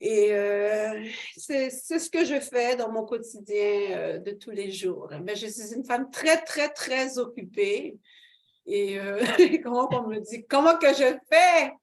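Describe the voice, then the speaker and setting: A middle-aged woman with a slightly high voice takes her time, speaking slowly through a fervent faith testimony. As an interview guest, she's expressive and laughs frequently amid plenty of fillers.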